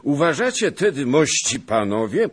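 A man voicing a boastful, blustering old nobleman who scoffs loudly and theatrically. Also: mid-range voice, very animated, normal speed, breathy edge, pitched above the performer's own voice. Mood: boastful scoffing.

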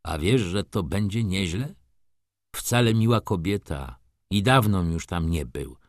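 A proud, embittered middle-aged merchant, read by a man, speaking in an indignant, emphatic way. His voice sits low but moves widely and expressively. The sound is dry and close, with no room around it. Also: lively intonation, a little slow, dry recording. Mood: warm, amused. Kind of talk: audiobook reading of a novel.

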